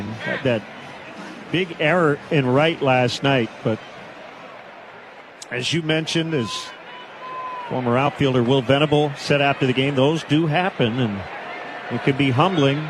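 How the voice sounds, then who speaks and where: A man calling radio baseball play-by-play, with brisk calls that climb into shouts on big hits. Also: mid-range voice, background noise. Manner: brisk calls that rise into shouted home run calls. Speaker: play-by-play announcer.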